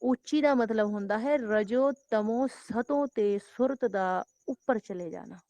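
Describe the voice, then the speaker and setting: A woman preacher giving a devotional sermon, slowly chanting scripture lines and repeating phrases with rising emphasis. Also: a little high, warm tone, no echo. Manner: repetitive, rising emphatic exhortation. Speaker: Sikh preacher giving katha.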